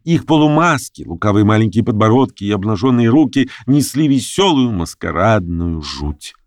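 A man narrating a literary story aloud, acting out the characters' lines with big leaps in pitch. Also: very animated, moderate pace, dry recording, studio quality. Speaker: audiobook narrator.

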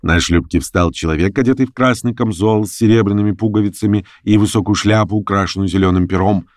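A man narrating a literary story aloud, acting out the characters' lines with big leaps in pitch. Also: quick pace, darkish tone, no echo, clean studio sound. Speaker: audiobook narrator.

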